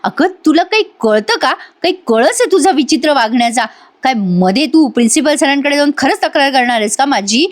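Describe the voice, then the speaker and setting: A woman's voice: high-pitched, animated, a little fast. A woman voicing a strict, impatient male college professor who scolds a student. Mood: scolding.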